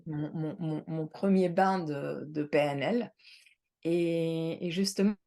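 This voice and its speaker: Middle-aged woman from mexico, lowish gravelly voice, stumbles and repeats words a lot. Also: takes it slowly, mellow. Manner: hesitant, many repeated words and fillers. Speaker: guest, hypnosis and NLP trainer. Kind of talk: conversational interview.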